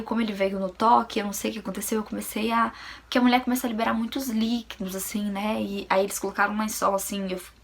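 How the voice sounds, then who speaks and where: A young woman from Brazil, a vlogger, telling a personal story in a casual, animated way and acting out the voices of others. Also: medium pitch, vocal fry, slightly rough. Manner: animated, acts out quoted voices.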